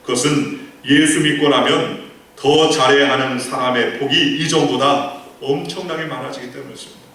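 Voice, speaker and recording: A man's voice: mid-range voice, steady tone, moderate pace, a bit bright. A male pastor preaching a sermon, telling a story with rhetorical questions and quoted lines. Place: large church sanctuary. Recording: echoey church hall from far off.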